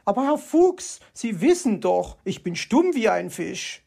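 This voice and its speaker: Reader putting on a nosy magpie lady, bossy know-it-all, higher voice, storybook. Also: big pitch swings, a little slow, gravelly, dark tone, breathy edge, exaggerated voice. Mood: earnest. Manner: bossy, inquisitive. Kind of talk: storybook reading.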